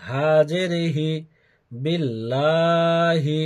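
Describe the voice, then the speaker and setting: A male Quran reading teacher who spells out letters and vowel marks one by one, then recites each word in a drawn-out chant three times. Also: on the high side.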